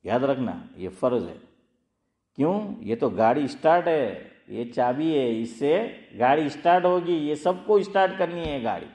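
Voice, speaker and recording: Lively intonation marks this man's mid-range, darkish voice, which echoes in a reverberant space. An Islamic scholar, he gives a conversational sermon, asking listeners questions and repeating the essentials.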